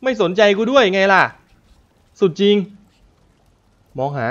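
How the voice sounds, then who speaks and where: A man giving casual live commentary while playing a horror game, excitable and yelping at scares. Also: high-pitched, slow pace, dull audio. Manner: excitable, shouts and yelps at scares; translates game lines aloud. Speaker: gamer.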